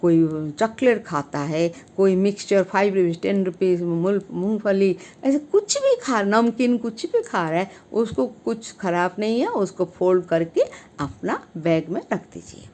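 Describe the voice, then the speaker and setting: Talking to camera on her channel, a woman makes an earnest case for civic duty in a sing-song voice at a measured pace. Her delivery is emphatic, often rising in pitch and loudness, with hesitant fillers and restarts between phrases.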